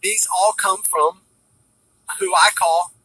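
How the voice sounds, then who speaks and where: A man's voice: sits high, fairly even intonation, slow, bright, forceful tone, breathy edge, rough recording. A man giving a rambling spiritual monologue, tagging "okay?" onto nearly every phrase and often repeating and restarting his words. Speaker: spiritual speaker.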